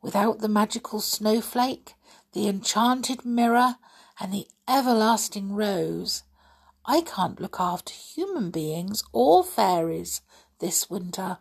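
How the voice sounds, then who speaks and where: A woman reading aloud, voicing a kind, gentle girl fairy who is a snow queen, in a soft storybook manner. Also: medium pitch, expressive, slow, vocal fry, husky, full character voice. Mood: earnest.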